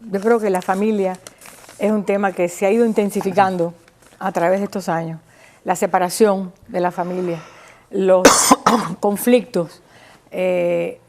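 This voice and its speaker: Speaking with a Cuban accent, this guest speaker from a small Cuban town gives an informal, didactic talk on Cuban theatre history. Her medium-pitched, slightly mellow voice feels its way haltingly through phrases, and she checks in with the listener using tag questions.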